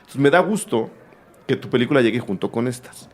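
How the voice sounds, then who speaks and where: A man hosts a film interview in a medium-pitched voice. He talks at length and drifts into side remarks before he gets to his questions. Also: expressive, fairly quick. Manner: chatty, rambling asides. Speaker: film show host, interviewer. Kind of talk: casual interview conversation.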